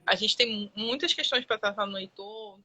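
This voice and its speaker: A woman's voice: medium pitch, moderate pace, bright, forceful tone, low-quality recording. A woman with a Brazilian Portuguese accent, a guest mother telling stories in a live-stream conversation and acting out her child's words.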